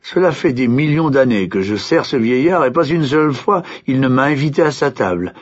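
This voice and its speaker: A man voicing a kindly invisible servant spirit who speaks low, soft and calm. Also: normal speed, slightly rough. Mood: gentle. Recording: dull lo-fi recording.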